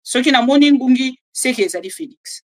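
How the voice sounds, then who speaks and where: A woman with a Congolese French accent giving animated, chatty political commentary and joking asides to her viewers. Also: sits high, brisk. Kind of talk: casual live commentary, French mixed with Lingala.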